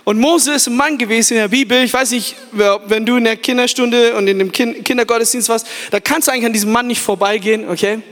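A young man, a youth pastor, giving an animated, hype sermon to a live audience in a large hall, with restarts and English fillers. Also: very high-pitched, fast, hardly any pauses. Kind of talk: energetic sermon. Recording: echoey hall.

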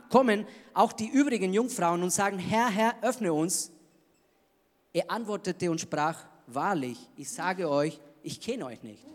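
Man preaching, pretty high voice, big echoey church hall, gets loud then drops way down. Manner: emphatic, swings between loud bursts and hushed lines. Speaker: pastor. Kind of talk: sermon.

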